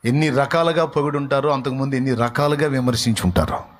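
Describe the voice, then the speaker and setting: A man preaching a sermon, telling stories dramatically and acting out the voices of the people in them. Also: quick pace. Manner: dramatic storytelling, acting out villagers and David in colloquial voices; swings between loud exclamations and low asides. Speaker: pastor.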